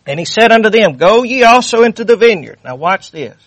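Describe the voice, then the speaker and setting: High-voiced fervent male preacher. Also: sing-song, a little fast, fairly bright tone, dry recording. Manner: fervent, repeats phrases, reads scripture aloud. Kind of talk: sermon.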